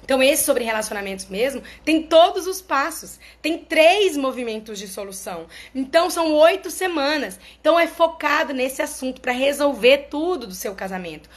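A woman's voice: high-pitched, expressive, moderate pace, hardly any pauses. A woman speaks as a therapist in a casual monologue to her followers. She explains things in a chatty way and often checks in with her listeners.

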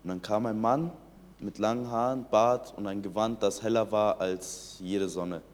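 In a large, reverberant room, a late-teen Iranian man tells the story of his faith with sincerity, often starting sentences over. He speaks at a normal speed in a lowish voice with fairly even intonation.

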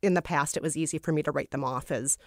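A woman's voice: sits low, fast talker, creaky, no room sound, clean studio sound. A woman with a Minnesota accent chatting casually and candidly as a podcast guest. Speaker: podcast co-host appearing as guest. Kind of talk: casual interview chat.

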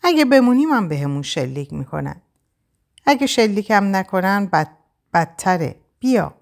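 A woman voicing a desperate young Frenchwoman, a captive who urges a friend to escape in hushed, pressing tones, in an audiobook. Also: medium pitch, very animated, creaky. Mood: pleading. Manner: urgent, hushed pleading.

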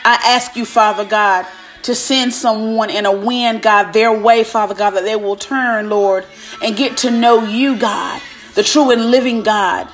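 A woman leads prayer as a preacher, her slightly high voice measured in pace and fairly even in intonation. She is fervent and commanding, calling on God again and again between phrases, with music underneath.

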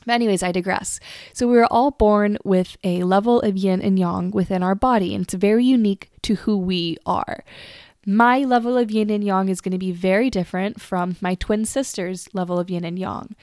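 A woman in her twenties talks through her podcast in an earnest, chatty way, often doubling words as she restarts a thought. Her pitch sits in a middle range for a woman. The sound is dry and close to the mic, with no room in it. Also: fairly even intonation, normal speed, darkish tone, dry recording. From United States. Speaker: podcast host. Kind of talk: casual solo podcast talk.

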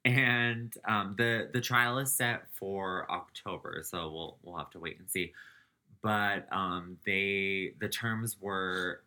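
A man's voice: low-pitched, takes it slowly, pushed and bright. A man co-hosting a podcast, recounting celebrity gossip in casual chat, laughing and saying "um" as he goes. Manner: laughs while telling, trails off with "um". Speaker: podcast co-host.

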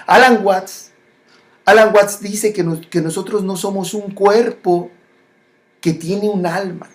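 A speaker gives a reflective spiritual monologue. The delivery is slow, with repeated phrases and frequent pauses and restarts. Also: medium pitch, fairly even intonation.

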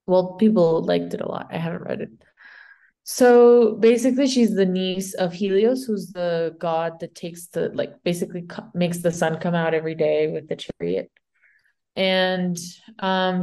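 A woman's voice: on the low side, gravelly, darkish tone. A woman with a Spanish accent casually retelling an old myth in a rambling, unsure way, full of "like" and restarts.

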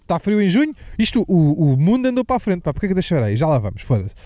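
A man's voice: high-pitched, wildly swooping pitch, fast, dark tone, no echo, studio quality. A young man with a European Portuguese accent hosting a podcast, talking in a casual, profane, joking ramble that wanders off topic. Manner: profane, jokey, digressive. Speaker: podcast host. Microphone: mic slipping away from the mouth at times.

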